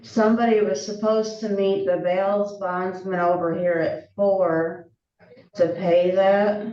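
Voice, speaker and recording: A defendant explaining themselves to a judge in a hesitant, halting, apologetic way. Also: medium pitch, little pitch movement, mellow. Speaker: defendant in court. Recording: distant, echoey, muffled courtroom audio.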